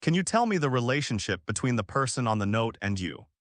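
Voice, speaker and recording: A man, likely a synthetic voice, reading the lines of a scheming female tabloid reporter in a flat read-aloud delivery. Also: medium pitch, fast talker, dry recording, studio quality.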